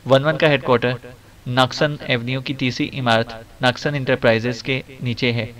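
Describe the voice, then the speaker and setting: A tortured, terrified male crime boss who stammers and pleads, as a man narrating puts him on. His voice sits at a middle pitch. This is an audiobook thriller reading. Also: steady tone, normal speed, fairly bright tone, recorded from a distance, natural voice. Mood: rattling off.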